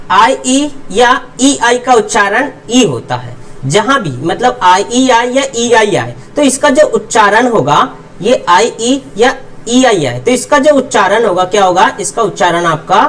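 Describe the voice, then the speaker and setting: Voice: mid-range voice, fairly bright tone, far from the mic, low-quality recording. A teacher explaining English pronunciation, answering their own rhetorical questions and drilling each word with its meaning. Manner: repeats rhetorical questions and answers them itself; drills word pairs slowly, word then meaning. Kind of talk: explanatory lesson.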